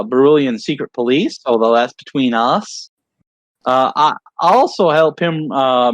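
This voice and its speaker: A man's voice: on the high side, a bit bright, no room sound. Man putting on a drawling Southern giant. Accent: American Southern. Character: huge muscular male Southern soldier, friendly.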